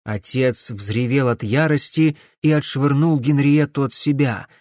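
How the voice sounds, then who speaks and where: A man narrating a dark fantasy audiobook in a measured storytelling manner. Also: mid-range voice, dry recording, clean studio sound.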